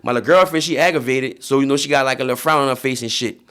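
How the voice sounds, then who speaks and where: A man's voice: mid-range voice, very fast, pushed and bright, clear, resonant tone. A young man with a New Orleans accent, telling a story in casual streetwise slang on a podcast. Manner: streetwise slang, frequent "you feel me". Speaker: podcast guest.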